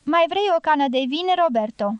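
A woman reading an audiobook, voicing an earnest young girl in a soft, pleading way. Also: high-pitched, animated, no echo, muffled recording, voice pushed up. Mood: tender. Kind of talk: audiobook character voice.

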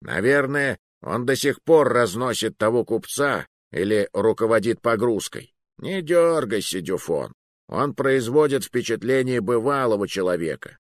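A man's voice: medium pitch, animated, measured pace, dry recording, studio quality, close to an everyday voice. A man voicing a fat, easygoing male companion in an audiobook who brushes off worries and scolds bluntly. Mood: dismissive.

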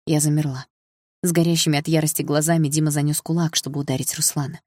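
A woman narrating an audiobook in the first person, calm and measured. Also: sits low, no room sound, studio quality.

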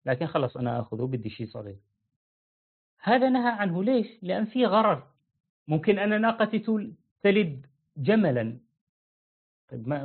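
A man teaching a religious lesson, explaining rulings with lively everyday examples and acting out buyers and sellers. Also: a little high. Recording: tinny phone-like line.

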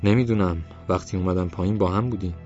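Deep-voiced man doing a coarse truck driver, cursing, rough talk, muffled audiobook with soft music. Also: close to an everyday voice. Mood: uneasy. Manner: rough colloquial speech, cursing. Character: gruff male truck driver, coarse, blunt.

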